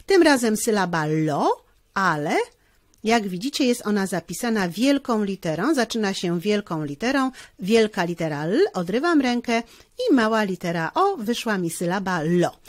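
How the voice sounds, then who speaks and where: A woman teacher walks children through forming letters, one stroke at a time. Her pitch rises and falls a lot, and she often pauses with small fillers. The sound is dry and close. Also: very animated, dry recording. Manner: slow, step-by-step instruction with frequent hesitation fillers. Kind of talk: handwriting lesson for children.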